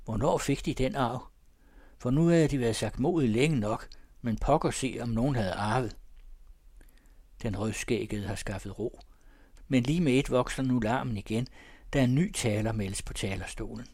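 A man narrates literary prose in a measured, descriptive reading, his voice sitting in a middle pitch. The sound is close and dry, with no room echo. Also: darkish tone.

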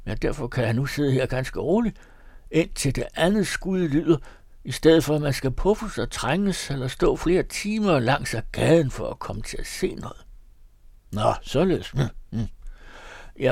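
A smug, prudent townsman, played by a male storyteller, chatty and pleased with himself. He lectures with little hums and pauses. It is a storybook reading. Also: medium pitch, darkish tone, husky, no room sound, clean studio sound. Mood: lecturing. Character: prudent pompous townsman, self-satisfied.

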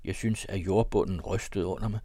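A man narrates a classic novel in a measured, old-fashioned storytelling manner. His voice is on the low side, and the recording is close and completely dry. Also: fairly even intonation, warm tone, dry recording. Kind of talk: scripted narration.

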